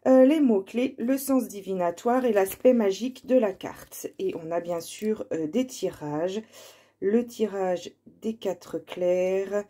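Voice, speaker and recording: Soft, slow-talking hoarse woman. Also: medium pitch. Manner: slow and soft-spoken, reads card titles aloud. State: slightly hoarse. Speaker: card reader presenting oracle decks. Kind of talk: casual show-and-tell with card readings.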